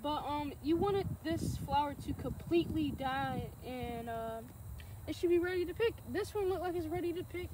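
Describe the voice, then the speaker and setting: A woman's voice: high-pitched, moderate pace. A teenage girl with a Kentucky accent giving a casual guided tour of a farm field, chatty and loose with many ums as she walks and points. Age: teen. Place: outdoors on an open urban farm field. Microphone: camera held by a person following a few feet behind. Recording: outdoor field noise on a handheld camera.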